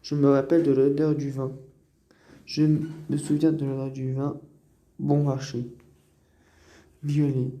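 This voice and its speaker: Troubled killer girl read by a guy, flat and dark-toned, echoey room. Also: mid-range voice, slow, pauses often, natural voice. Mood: bitter. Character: haunted young woman, troubled killer. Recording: roomy echo.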